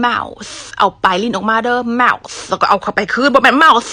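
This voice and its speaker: A woman's voice: on the high side, sharp tone, no echo. A young woman with an Isan Thai accent giving a playful, chatty language lesson, close to the mic. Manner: playful, chatty, slips into whispers for examples. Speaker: English teacher.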